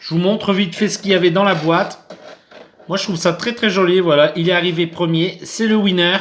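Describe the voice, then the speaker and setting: A man's voice: high voice, fairly even intonation, fairly quick, a bit bright. A man hosting his own unboxing vlog, talking casually with lots of hesitations and fillers while he opens a box indoors. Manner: chatty, hesitant, many fillers. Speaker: unboxing channel host. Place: indoors under artificial light.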